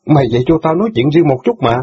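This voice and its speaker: A man's voice: on the high side, big pitch swings, rapid-fire, slightly rough, exaggerated voice. A man voicing an angry, heartbroken young newspaper boy who pours out his grievances in an audiobook drama. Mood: bitter. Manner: bitter, aggrieved outbursts. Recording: dull lo-fi audio.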